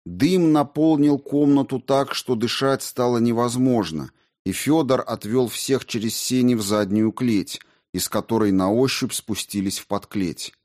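Male audiobook narrator, steady delivery. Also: medium pitch, unhurried, few pauses. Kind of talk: scripted narration.

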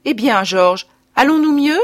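A woman's voice: sits high, animated, moderate pace, no echo, studio quality, pitched above the performer's own voice. A woman reading aloud, voicing a vain, fearful society mother who pleads breathlessly. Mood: hurried.

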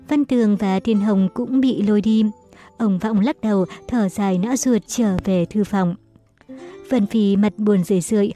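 A woman narrating a novel in a measured, dramatic storytelling manner. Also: mid-range voice, warm tone. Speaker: audiobook narrator.

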